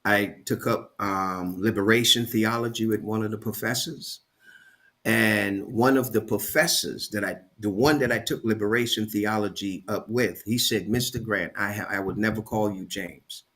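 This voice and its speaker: A man from Barbados, appearing as a talk show guest, gives a motivational interview in an emphatic, preacherly style, often repeating words as he builds his point. His voice is fairly low, slightly bright, with fairly even intonation at a moderate pace.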